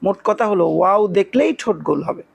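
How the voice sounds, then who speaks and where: A man teaching Quran reading, explaining step by step and slowly chanting letters and syllables in drills. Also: high voice, lively intonation, creaky, slightly rough, no echo. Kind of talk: spoken lesson with slow recitation and spelling drills.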